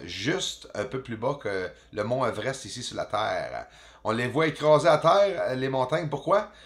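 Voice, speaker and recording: Chatty man with a Quebec French accent. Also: mid-range voice. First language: English. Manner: animated, exclaiming, chatty, peppered with filler words. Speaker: YouTube channel host. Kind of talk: casual commentary over video footage.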